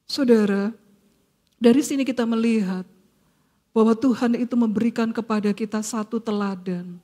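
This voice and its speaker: A woman's voice: steady tone, mellow. A woman preaching a Good Friday sermon in church, earnest and emotional. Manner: earnest, slow and emotional, rising high when quoting. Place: church service.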